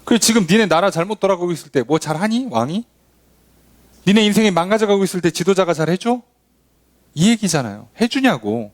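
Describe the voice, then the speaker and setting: A male pastor teaches a midweek Bible study, talking to his listeners conversationally and peppering them with rhetorical questions. His voice sits a little high and swings widely in pitch as he acts out the quoted voices in his stories. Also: very animated, fairly quick.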